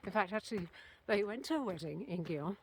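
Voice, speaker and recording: A woman's voice: medium pitch, animated, fast talker, slight background noise. A woman from Britain chatting casually to her camera while walking outdoors, rambling and correcting herself, a little out of breath. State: a bit out of breath. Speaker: walking vlogger. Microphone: handheld camera.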